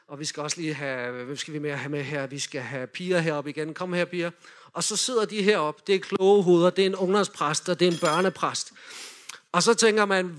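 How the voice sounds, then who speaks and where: A man in a lively sermon, retelling a Bible story and directing volunteers as they act it out. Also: sits high. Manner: animated, directs volunteers with quick cues.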